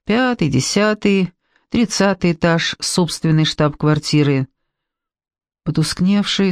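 A woman narrating an audiobook in a measured, deliberate reading. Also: low voice, creaky, darkish tone, dry recording, clean studio sound.

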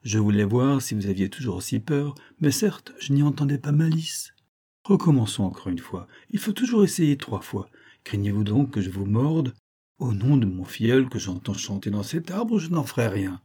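A man voicing a sly, smooth-talking male fox in a storybook reading, wheedling and cajoling. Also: mid-range voice, very animated, moderate pace, mellow.

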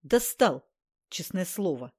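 A man's voice: sits high, very animated, takes it slowly, a little mellow, breathy edge, heavily acted. Woman reading as a sulky grumbling occultist. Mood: irritated. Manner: gloomy, grumbling, snapping.

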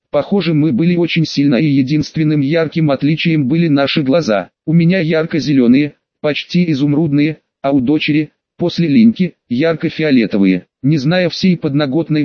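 A man reading an audiobook in a steady, measured narration. His voice sits slightly high, and the recording is dull and lo-fi. It is also very dry, with no room echo. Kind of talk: scripted narration.

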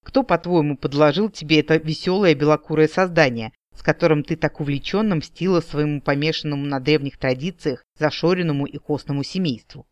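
A man's voice: fairly high pitch, a little fast, hardly any pauses, no room sound, dull audio, lightly acted. Man voicing a mocking elder brother. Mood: teasing. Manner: ironic, teasing. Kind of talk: audiobook character voice.

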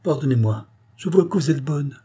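A man's voice: fairly high pitch, lively intonation, normal speed, mellow, slightly rough, pitched above the performer's own voice. A man voicing a fierce young working-class woman who cries out, then stammers timidly, in a storybook reading.

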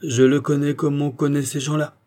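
A man reading the part of a calm, disdainful doctor in an audiobook, speaking in a measured, cool way. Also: fairly high pitch, voice pushed up, close to an everyday voice.

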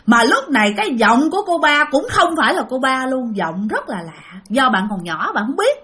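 A woman with a Southern Vietnamese accent telling a ghost story in a chatty, animated way, often addressing her listeners. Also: high-pitched, moderate pace.

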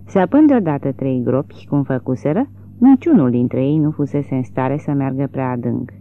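An audiobook reader narrating a literary novel in an expressive, dramatic way, recorded with a tinny, narrow sound. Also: medium pitch.

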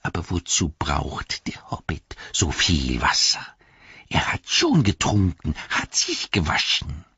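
Gollum, a hissing, shrieking creature. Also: male voice, extremely low pitch, huge pitch swings, takes it slowly, bright, forceful tone, breathy edge, no echo, in a whisper, dull audio, full character voice. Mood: wary. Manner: hissing, shrieking, talks of himself in third person. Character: wretched hissing male creature, whiny and greedy. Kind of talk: audiobook character voice.

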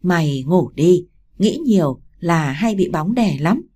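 A gruff old mother-in-law barks scolding orders, as a woman reading the story voices her. Her voice is dark and raspy. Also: fairly low pitch, animated, measured pace. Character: sharp-tongued rural old mother-in-law.

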